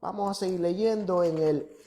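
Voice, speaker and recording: A male pastor, preaching a sermon to a congregation. He moves from loud, emphatic scripture reading to quiet, teasing asides. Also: high-pitched, normal speed. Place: church before a congregation.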